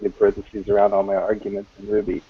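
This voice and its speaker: A man with a husky voice joining a casual group discussion on a call, making wry jokes. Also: on the low side, monotone, fast talker, slight background noise. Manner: joking, wry. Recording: tinny phone-like call line.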